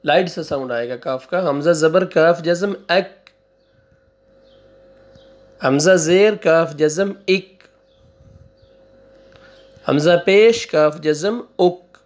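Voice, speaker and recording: A man teaching Quran reading, spelling out syllables slowly one by one, repeating them and correcting wrong readings. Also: on the high side. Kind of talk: slow spelling-out recitation lesson.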